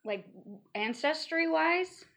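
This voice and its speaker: A woman's voice: high voice, lively intonation, slow pace, vocal fry, a bit bright. Playful, laughing woman guest. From Iowa, US. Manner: playful, laughs often, chatty. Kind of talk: casual interview.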